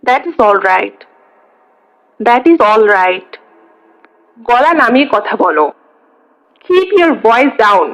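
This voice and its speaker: Slow, lively woman reading drills. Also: high voice. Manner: says each phrase in Bengali, then repeats the English twice, slowly. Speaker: English teacher. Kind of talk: reading phrase drills aloud. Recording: dull lo-fi sound.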